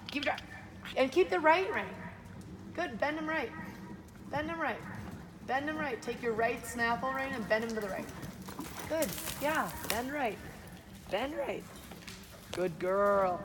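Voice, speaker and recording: A woman coaching a rider with brisk, projected commands, repeated rhythmic cues and short bursts of praise. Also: fairly high pitch, animated. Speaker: horse riding coach. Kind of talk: live dressage riding instruction. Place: large indoor riding arena. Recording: noisy indoor riding arena. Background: horse hoofbeats and arena ambience.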